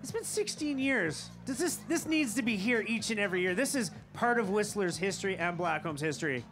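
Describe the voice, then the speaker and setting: Brief: male live sports commentator, upbeat, very high, bright tone. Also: animated, a little fast, faint music behind. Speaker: event commentator. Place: outdoor ski event.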